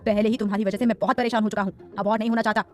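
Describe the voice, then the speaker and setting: A woman's voice: medium pitch, fairly even intonation, rapid-fire, faint music behind, close to an everyday voice. Woman voicing a furious short-tempered husband. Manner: shouting, harsh. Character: angry short-tempered rich young husband.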